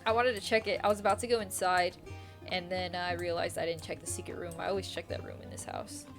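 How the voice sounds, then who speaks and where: A woman's voice: fairly low pitch, expressive, fast talker. A young woman streaming a game, chatting casually and rambling, with frequent giggles and casual swearing. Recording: faint music behind.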